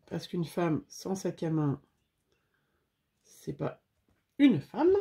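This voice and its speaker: A woman's voice: fairly low pitch, sing-song, extremely slow, vocal fry, dark tone. A woman chatting casually to viewers while making a scrapbooking craft, with frequent fillers.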